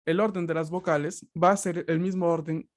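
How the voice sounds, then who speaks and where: A man's voice: a little high, fairly even intonation, fairly quick. Patient man teaching an online class. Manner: patient, explanatory, often checks with "¿Ok?". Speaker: language teacher. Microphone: video call.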